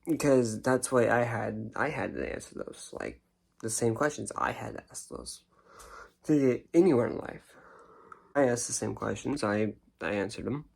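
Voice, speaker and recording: A man's voice: medium pitch, very animated, normal speed, vocal fry, husky. A tired young man yawning as he rambles through a casual story on his vlog. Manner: rambling, restarts sentences. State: sleepy, yawning. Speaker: YouTuber.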